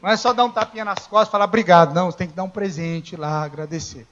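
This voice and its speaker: A high-pitched man preaches a conversational sermon in a church, telling stories and acting out the dialogue. He rises to shouts at times, and the recording sounds dull and lo-fi. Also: steady tone, very fast. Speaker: pastor.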